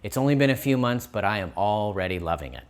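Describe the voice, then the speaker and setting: A man's voice: fairly low pitch, expressive, fast. A man hosting his travel vlog, narrating in an upbeat, friendly storytelling way with light self-deprecating humor. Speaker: host.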